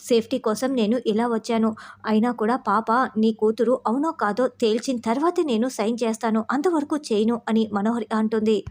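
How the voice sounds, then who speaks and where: A woman with a fairly high voice retells a serial episode in steady recap narration. She reads every character's dialogue in her own voice and does not act the parts. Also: fairly quick.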